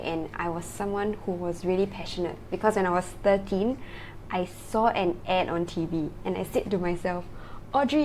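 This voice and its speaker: A woman's voice: medium pitch, darkish tone, a little hiss or hum, poor audio. A woman from Singapore, a founder talking as a guest in a casual interview, chatty and full of fillers and tag questions.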